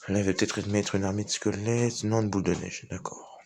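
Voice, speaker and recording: A man's voice: lowish voice, steady tone, brisk, gravelly, darkish tone. A man giving casual, informal live commentary on a game as he plays, thinking aloud. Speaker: gaming video host.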